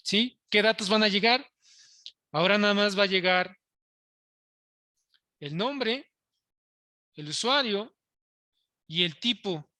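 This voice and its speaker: A male programming teacher walks students through code, pausing often to ask if they follow. His voice is bright and forward, recorded close and dry with no room sound. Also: high-pitched, no echo. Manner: explains step by step, checks in with students often. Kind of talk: live coding lesson to students.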